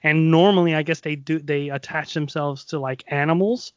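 Nasal, higher-voiced man chatting loosely. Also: steady tone, moderate pace, no room sound, dull audio. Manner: rambling, loose storytelling with many fillers. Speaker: podcast co-host. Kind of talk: casual chat. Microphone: XLR microphone.

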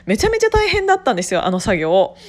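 A woman's voice: medium pitch, wildly swooping pitch, rapid-fire. A woman in her twenties from Gunma, hosting her own podcast in casual solo talk, chatty, with frequent laughs and fillers. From Gunma, Japan. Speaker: podcast host.

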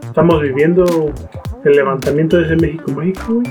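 Higher-pitched Mexican bro over music. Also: male voice, fast talker. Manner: slangy bro-like interjections. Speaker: podcast co-host. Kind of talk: casual podcast banter. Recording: prominent music behind the voice.

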